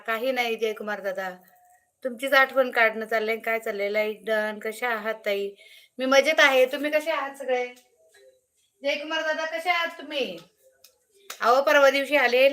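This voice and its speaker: A woman's voice: fairly high pitch, moderate pace, fairly bright tone, distant mic. A woman hosting a casual live stream from her home kitchen, teasing and calling out to viewers by name. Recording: echoey room, faint background noise.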